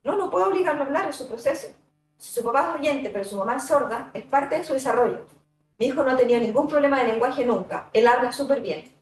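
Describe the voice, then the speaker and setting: A woman's voice: fairly high pitch, fairly quick, distant mic, slight background noise. Woman lecturing in an echoey room. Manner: thoughtful, conversational, many fillers and tag questions. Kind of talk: university lecture.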